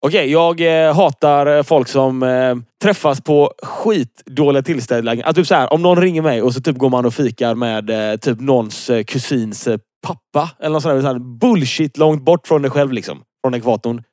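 A man's voice: medium pitch, hardly any pauses, darkish tone, no echo, clean studio sound. A man co-hosting a casual rant podcast, teasing his partner, cutting in and swearing freely. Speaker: podcast co-host.

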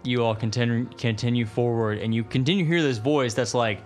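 A man's voice: mid-range voice, steady tone, brisk, soft background music. A man narrating a tabletop game as game master, improvising as he goes.

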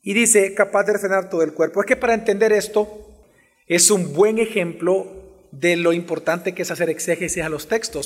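A high-pitched man delivers a teaching sermon, speaking straight to the people in front of him and pressing his points with changing emphasis. His voice carries a long reverb from a large church hall. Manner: expository preaching, shifting pace and emphasis, addresses congregation directly. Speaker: pastor.

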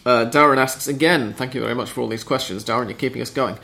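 A man's voice: mid-range voice, steady tone, fast talker, gravelly, bright, forceful tone. A man hosting a casual podcast chat, reading out listener questions in a chatty, dry way. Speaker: podcast host.

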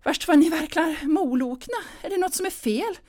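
A woman voicing an anxious, fussy older mother, plaintive and close to tears, with a raised, lively voice. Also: high voice, voice pushed up.

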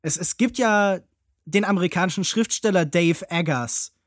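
A man's voice: sits high, normal speed, no echo. A man talks through films as a podcast panelist. His phrasing is elaborate and intellectual, his approach analytical, and the sound is dry and close. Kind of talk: analytical film discussion.

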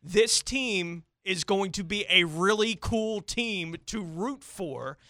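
A man's voice: high-pitched, takes it slowly, bright, forceful tone, dry recording, clean studio sound. An American man co-hosting a sports radio show, talking in an earnest, informal, conversational way. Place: radio studio.

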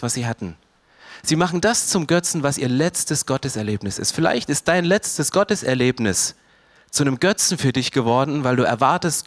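Animated German-speaking pastor preaching. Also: male voice, dry recording. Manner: animated preaching, swings between loud emphatic bursts and quiet low asides. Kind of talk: sermon.

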